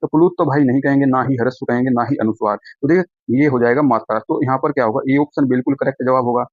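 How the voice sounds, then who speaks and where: A man teaching an online exam-prep lesson, brisk and repetitive, often addressing students as friends. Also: medium pitch, fairly even intonation, no echo, narrow, tinny audio.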